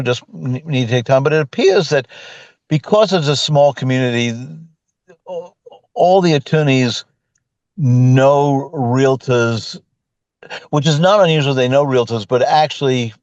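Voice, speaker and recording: A man new to real estate asking a question on a video call, halting and hesitant with many restarts. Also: fairly high pitch, darkish tone, no room sound, lo-fi sound. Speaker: caller, new agent.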